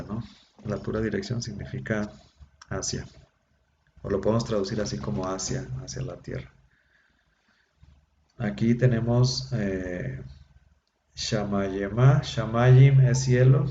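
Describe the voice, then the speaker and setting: A man teaches a Hebrew class over a video call. He explains patiently and fills pauses with little sounds, his low, dark voice carried in an echoey room. The audio is dull and has a faint hum under it. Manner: patient explaining, many fillers. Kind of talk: online class lecture.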